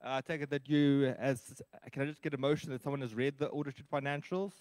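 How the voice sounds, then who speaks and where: A man giving a church's financial report, halting with many ums between the items. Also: mid-range voice, flat delivery, darkish tone, dry recording, low-quality recording.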